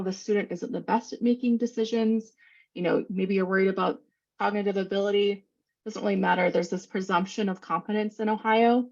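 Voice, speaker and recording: A woman presents a training session over a video call, talking fast and loosely, with plenty of "um"s. Her voice is gravelly and husky, and the call audio sounds muffled and dull. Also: medium pitch. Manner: quick, informal explaining with many fillers. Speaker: presenter on special education law.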